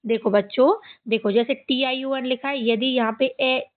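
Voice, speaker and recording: A woman's voice: sits high, fairly even intonation, moderate pace. A woman teacher giving a reading lesson to children, who patiently repeats each word and keeps asking the kids questions. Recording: tinny phone-like sound.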